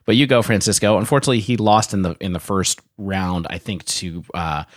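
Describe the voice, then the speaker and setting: A man co-hosting a casual podcast, chatty and joking, reading out card text and giving shout-outs. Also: low-pitched, steady tone, a little fast, dry recording, studio quality. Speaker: podcast co-host.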